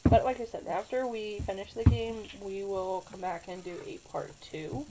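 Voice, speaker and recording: A woman co-hosting a casual game review chat, easygoing and quick to laugh. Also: mid-range voice. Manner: chatty and easygoing, laughs often. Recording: noisy background hiss.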